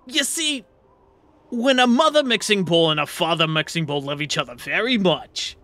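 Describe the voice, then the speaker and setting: A proud, touchy talking mixing bowl with a cocky edge, as a man puts him on. The voice sits a little high and rings bright and forceful, like a smug kitchen gadget in a tabletop game. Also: lively intonation, moderate pace. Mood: sassy. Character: sassy male talking magic mixing bowl.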